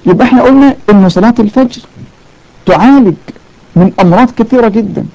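Fast gravelly Egyptian preacher. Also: male voice, high voice, mellow. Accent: Egyptian Arabic. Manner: storytelling, emphatic repetitions. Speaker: preacher taking callers. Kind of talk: fervent colloquial sermon. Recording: dull lo-fi audio.

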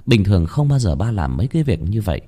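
A man's voice: on the low side, very animated, quick pace, mellow. A man narrating a ghost story in a dramatic, suspenseful manner.

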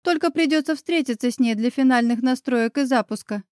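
A woman's voice: high voice, dry recording, lightly acted. Fields: Figure: young pregnant woman, emotional and chatty, played by a woman reading an audiobook. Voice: raised, light, close and dry. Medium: audiobook. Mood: grumbling chat. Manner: lively, quick mood swings between tears and laughter.

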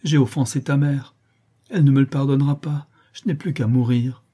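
A man reading aloud, voicing a gentle, tearful young orphan girl who stays firm in her convictions, in a husky voice. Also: mid-range voice, fairly even intonation, brisk, pitched above the performer's own voice, natural voice. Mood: despairing.

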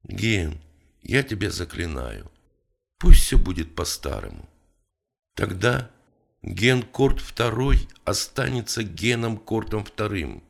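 A gloomy male writer pleads with a friend in an earnest, insistent monologue, as a man reads him aloud. The voice sits low with a gravelly rasp. It is an audiobook character, spoken with conviction. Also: sing-song, takes it slowly, heavily acted. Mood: pleading.

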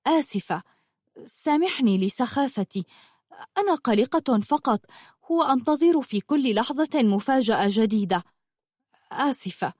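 A woman's voice: high voice, animated, moderate pace, long pauses, a little mellow, breathy edge, dry recording, studio quality, voice pushed up. Woman reading as an anxious, pleading young miss. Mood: apologetic. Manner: pleading, worried, protective.

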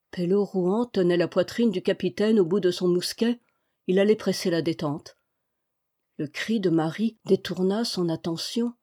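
A woman reading a novel aloud with steady, expressive narration. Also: medium pitch. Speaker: audiobook reader.

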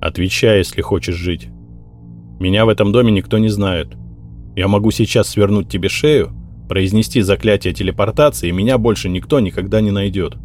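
A man's voice: fairly low pitch, fairly quick, darkish tone, faint music behind, lightly acted. A man voicing a cold, threatening young male mage who speaks in a clipped, commanding way.

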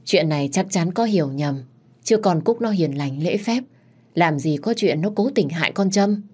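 A woman voicing a kind, gentle older mother-in-law who speaks calmly and soothingly. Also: lowish voice, moderate pace, breathy edge.

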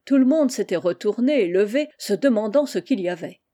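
A woman reading a classic children's novel aloud in a measured audiobook narration. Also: mid-range voice, animated, dark tone. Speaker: reader.

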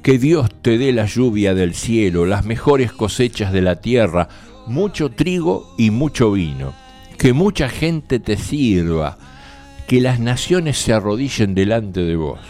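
A man's voice: fairly low pitch, lively intonation, a little slow, darkish tone, faint music behind. A man voicing an old father's solemn blessing.

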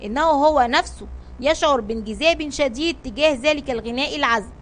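A woman's voice: high voice, a bit bright. A woman narrating a children's audio story in a dramatic storybook reading style.

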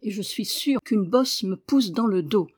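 A woman's voice: medium pitch, expressive, unhurried, a little mellow, slightly rough. Woman doing a sickly, spoiled little boy. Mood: petulant furious. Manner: whiny, imperious complaining.

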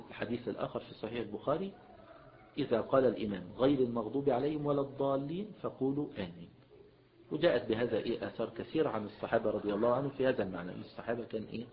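A man with an Egyptian accent teaching a religious lesson as a sheikh, mixing classical and colloquial Arabic and often prompting listeners with a questioning "what?". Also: medium pitch. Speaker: sheikh teaching Islamic jurisprudence. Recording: dull lo-fi lecture recording.

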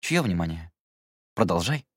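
A man's voice: sits low, sing-song, moderate pace, dry recording, studio quality. A man voicing a defiant, stubborn young man who answers in a raised, snappy voice. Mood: guarded, stubborn.

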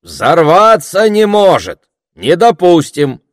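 A man voicing a boastful, self-important male orator who speaks loudly and pompously. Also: high voice, big pitch swings, slow, no echo, clean studio sound, pitched above the performer's own voice, exaggerated voice. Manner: loud, pompous, declaiming.

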